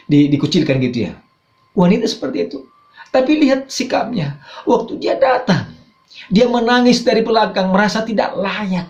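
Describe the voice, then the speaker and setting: A man preaching a sermon as pastor, swinging between raised emphatic phrases and low quiet asides. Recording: dull roomy church recording.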